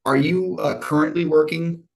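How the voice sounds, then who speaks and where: Halting, very gravelly American male attorney. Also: fairly high pitch, steady tone. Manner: halting, hesitant, repeats words. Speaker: state's attorney in child support case. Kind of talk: formal courtroom questioning. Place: court hearing over video call.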